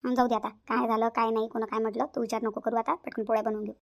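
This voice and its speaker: A woman voicing a calm, bossy elder sister-in-law, speaking in a soothing but firm way. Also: a little high, fast talker, gravelly, pitched below the performer's own voice.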